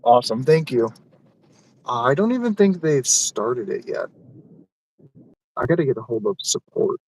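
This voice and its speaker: A man's voice: mid-range voice, very animated, measured pace, darkish tone, a little hiss or hum, low-quality recording. A man chatting casually on a live stream while working deliveries, easygoing and chuckling, with frequent stammered restarts.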